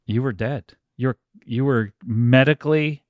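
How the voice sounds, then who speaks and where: A man's voice: medium pitch, a little slow, dry recording, clean studio sound. A man co-hosting a podcast in casual, comedic banter with an informal, bantering manner. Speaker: podcast host.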